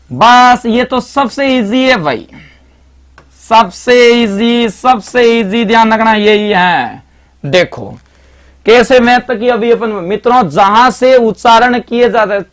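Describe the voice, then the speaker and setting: Male tutor, Marwari accent, high voice, live online class, keeps telling students to watch out. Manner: repetitive, chatty, keeps urging students to pay attention. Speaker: teacher. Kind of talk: live online grammar lesson.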